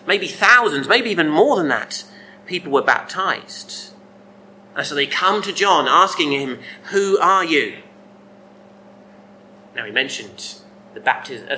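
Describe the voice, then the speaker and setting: A male preacher gives a sermon in a very bright, sharp voice. His pitch sits a little high, and he speaks with earnest emphasis, often posing rhetorical questions. A faint hiss of noise runs beneath him. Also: poor audio.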